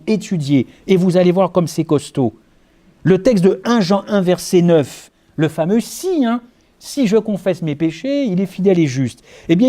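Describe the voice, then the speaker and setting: Conversational French preacher, mellow voice. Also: male voice, high voice. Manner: conversational, asides and rhetorical questions to the congregation. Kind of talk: sermon with Bible study.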